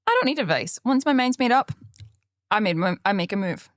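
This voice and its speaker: A woman's voice: medium pitch, fairly quick, dry recording. Dry-voiced woman hosting comedy banter. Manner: playful, deadpan asides. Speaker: co-host of a comedy morning show. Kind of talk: improvised comedy banter, reading out quiz questions.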